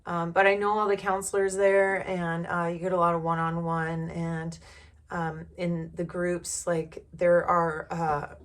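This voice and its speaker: A woman's voice: fairly low pitch, level tone, measured pace. A woman talking candidly to the camera in a casual personal vlog, rambling with many fillers and restarts. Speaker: vlogger.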